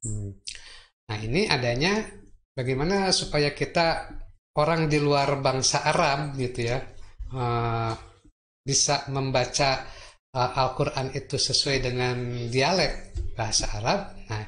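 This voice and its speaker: A man, a religious teacher giving a lecture, explaining slowly with many fillers and repetitions. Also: medium pitch, fairly bright tone. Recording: echoey room with faint noise.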